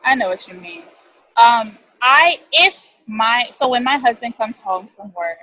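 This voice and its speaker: A woman's voice: a little high, lively intonation, a little slow, sharp tone, a little hiss or hum, poor audio. A woman in her thirties talking as an interview guest, chatty and thoughtful, often correcting herself mid-sentence. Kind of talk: casual interview talk.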